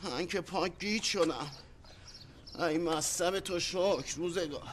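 An actor playing a shabby street hustler who complains and begs for money in a cheeky, wheedling way. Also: male voice, fairly high pitch, slight background noise, natural voice. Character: shabby pleading street hustler, middle-aged man. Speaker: beggar looking for money. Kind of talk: TV drama acting.

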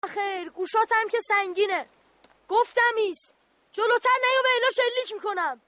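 A woman's voice: extremely high pitch, bright, forceful tone. A woman voicing a bossy young boy who stands guard in a war game, in a radio play, talking in a stern, officious way.

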